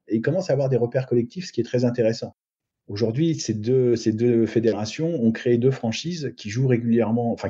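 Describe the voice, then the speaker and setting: On a podcast, a middle-aged man who works as a sports agent breaks down rugby thoughtfully, with frequent hesitations and false starts. His voice sits on the low side, warm with a breathy edge, captured in muffled lo-fi audio.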